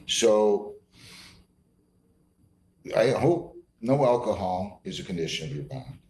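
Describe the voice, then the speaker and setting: Speaking slowly in a darkish, fairly low voice with big swings in pitch, this American judge runs a court hearing from the bench. He is firm and plain-spoken, restating points for emphasis in a casual courtroom manner. The recording carries the roomy echo and faint noise of an indoor courtroom.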